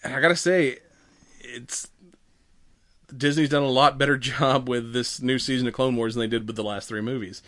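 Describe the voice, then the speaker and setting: Man, podcast co-host, medium pitch, casual, halting, conversational, sweary. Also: fairly even intonation, sharp tone. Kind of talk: casual chat.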